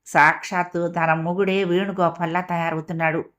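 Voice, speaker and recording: A woman narrating an audio story with a measured, expressive reading. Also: lowish voice.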